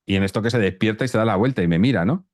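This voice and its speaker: Deep-voiced man telling a story haltingly. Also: darkish tone, dry recording, clean studio sound. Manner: halting, many restarts and repeated words. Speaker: interview guest. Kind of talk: personal storytelling in an interview.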